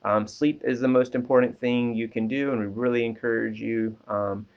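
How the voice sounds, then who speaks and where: A man talking as a counselor, giving relaxed advice with many ums and restarts. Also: mid-range voice, moderate pace. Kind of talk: casual advice talk. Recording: dull lo-fi sound.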